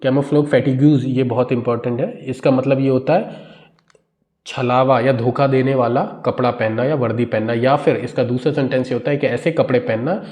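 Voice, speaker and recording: Indian man slowly explaining English news. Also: mid-range voice, steady tone, a little mellow. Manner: reads English lines slowly, then explains word by word. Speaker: English teacher. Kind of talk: explaining a newspaper article in Hindi.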